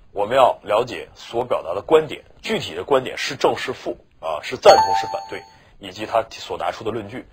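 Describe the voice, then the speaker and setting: This man's voice is on the low side and husky. He's a teacher whose first language is Mandarin Chinese, delivering a chatty exam-prep lecture and repeatedly seeking his students' agreement with "是吧."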